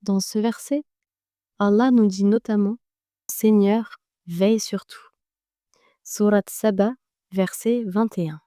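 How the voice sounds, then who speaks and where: A woman narrating a guided meditation in a slow, gentle and soothing way, speaking directly to the listener. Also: medium pitch, steady tone, dry recording, studio quality.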